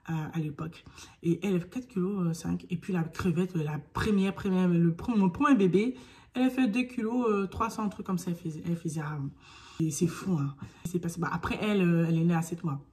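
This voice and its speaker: A young woman vlogger telling her story straight to the camera in a slightly low voice. She chats loosely and acts out her own pleas. At the tense parts she drops to a breathy near-whisper. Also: mellow.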